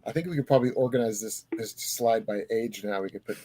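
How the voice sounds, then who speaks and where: A man's voice: on the low side, quick pace, mellow, a little hiss or hum. A man in his thirties, hosting a live podcast panel, chatty and joking as he reads out questions. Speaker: podcast host reading audience questions. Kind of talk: casual panel chat.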